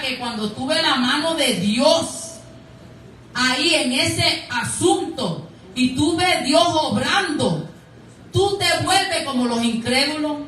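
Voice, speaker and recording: A woman's voice: sits high, fairly bright tone, a little hiss or hum. A woman preaching a sermon in a church, telling personal testimony in an earnest, storytelling way and repeating words for emphasis. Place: church hall. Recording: echoey hall from far off.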